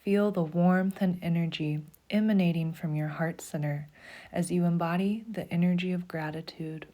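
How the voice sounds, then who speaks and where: In this guided meditation, the woman's mellow, low voice carries a warm, dark tone. Slow and soothing with steady pacing, she often slips into a breathy half-whisper.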